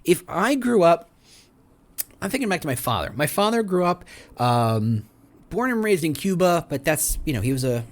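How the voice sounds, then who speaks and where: A man's voice: on the high side, sing-song, moderate pace. A man hosting his own podcast, talking through a solo monologue full of rhetorical questions in a loose, conversational way. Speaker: podcast host.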